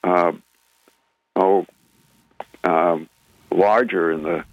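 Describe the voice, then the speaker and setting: This radio co-host's voice sits low and steady, and he draws out his words as he rambles through the news with restarts and filler sounds. The casual talk-show audio has no echo and cut-off highs.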